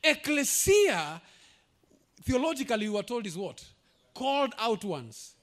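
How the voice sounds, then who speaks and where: Male pastor, very high voice, lively swooping delivery, emphatic sermon with shouted peaks. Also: a little slow. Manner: emphatic preaching, rising to shouts, drops into Swahili asides.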